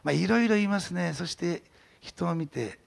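A man's voice: sits high, normal speed, creaky. A male pastor preaching a sermon, telling stories animatedly and acting out what people say. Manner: animated storytelling, acting out quotes.

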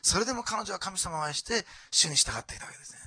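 A man with an Osaka accent preaches a sermon in a high, bright, gravelly voice at a quick clip. He drops to near-whispers and then rises to loud exclamations, peppering his talk with rhetorical questions. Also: no room sound. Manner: dramatic, swinging from hushed whispers to loud exclamations. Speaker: pastor.

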